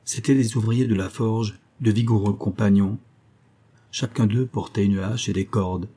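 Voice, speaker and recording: A man reading a literary travel story as an audiobook narrator, in a measured storytelling manner. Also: on the low side, steady tone, mellow.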